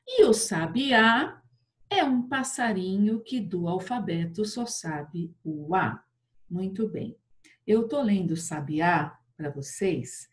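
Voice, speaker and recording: A woman's voice: lowish voice, a little mellow. A Brazilian woman teaching an online Portuguese class to fourth graders, explaining patiently and checking in with tag questions. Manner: patient, drawn-out sing-song explaining with many tag questions. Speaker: primary school teacher.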